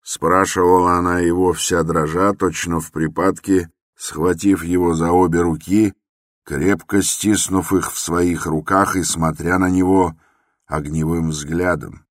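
A man narrating a novel in a measured, dramatic storytelling manner. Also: sits low, flat delivery, no echo, studio quality.

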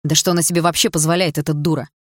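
Lady doing a cocky teen guy, hotheaded, low voice, dry sound. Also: flat delivery, racing, no echo. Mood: angry. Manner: swaggering, hot-tempered. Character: cocky arrogant teenage boy racer.

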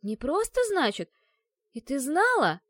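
A hot-tempered young inventor girl, played by a woman narrator, shrill and indignant. Her pitch sits high and leaps about, recorded dry and close. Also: sing-song, unhurried, no echo. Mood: furious.

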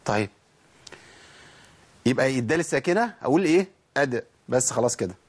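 رجل مصري يعطي درس تجويد بلهجة مصرية، يشرح خطوة بخطوة ويطرح الأسئلة ويجيب عليها بنفسه. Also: male voice, mid-range voice, very animated, fast talker, breathy edge. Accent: Egyptian Arabic. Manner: explains step by step, asks and answers his own questions; acts out students' objections. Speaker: Quran recitation teacher. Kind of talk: tajweed lesson.

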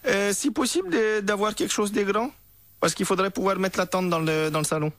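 A man's voice: sits high, sing-song, moderate pace, fairly bright tone, pitched above the performer's own voice, exaggerated voice. Prank call: man voicing a foreign valet with a fake accent and broken French, pushy.

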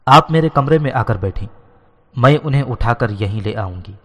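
A man's voice: mid-range voice, expressive. Man reading as a scheming young court woman. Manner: smooth, falsely respectful. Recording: long hall reverb.

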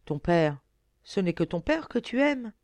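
A woman's voice: fairly low pitch, big pitch swings, measured pace, a little mellow, no room sound. A woman reading aloud, voicing a brooding young nobleman who sounds bitter and resigned.

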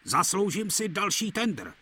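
A man's voice: high voice, sing-song, bright, forceful tone, pitched above the performer's own voice, exaggerated voice. A man voicing a hard-working male engine who grumbles and blusters. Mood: grumbling. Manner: complaining, blustery. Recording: clear music behind.

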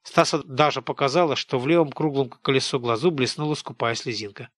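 A man narrating an audiobook in scripted, expressive storytelling narration. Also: medium pitch, a little fast, no room sound.

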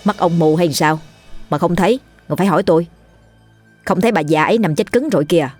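A storyteller voicing a scheming middle-aged village wife who sneers at her husband and fakes loud wailing for her dead mother-in-law. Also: medium pitch, quick pace, no room sound, soft background music, lightly acted. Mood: scornful. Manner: sneering, then theatrically wailing.

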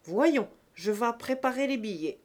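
A woman voicing a drunk, stammering middle-aged male surveyor, slow and slurred. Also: on the high side, animated, a little mellow. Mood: tipsy.

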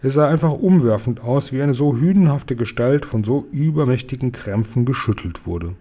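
Man, storybook reading aloud, mellow tone, slow and expressive. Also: mid-range voice. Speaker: reader.

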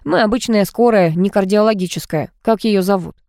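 Woman reading as a brisk male ambulance doctor, curt orders, mellow low-bright voice, dry close sound. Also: dry recording, lightly acted. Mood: businesslike. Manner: curt, businesslike instructions.

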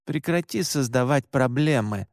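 A man's voice: medium pitch, animated, measured pace, darkish tone, no room sound, clean studio sound. A man reading an audiobook and voicing a cold, disciplined, mocking younger brother.

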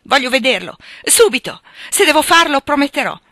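A woman's voice: mid-range voice, normal speed, bright, forceful tone, no room sound, clean studio sound. A woman reading aloud, voicing a feverish, delirious dying man who pleads and rails in agitation. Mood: bitter, insistent.

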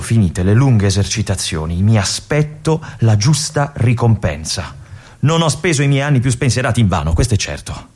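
In a radio monologue, an actor plays a restless young army lieutenant, confiding and brooding through halting asides. His male voice is on the low side and a little mellow, with a breathy edge, in a theatrical delivery.

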